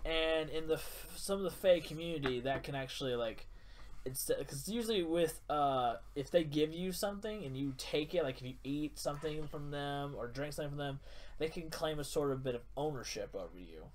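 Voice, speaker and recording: A young man runs the tabletop game as its game master, his voice sitting a little high. He tells the story with lively energy, laughing along. A light hiss of noise sits under the recording. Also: a little fast. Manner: animated storytelling with laughter and acted quotes. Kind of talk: narrating a tabletop game session.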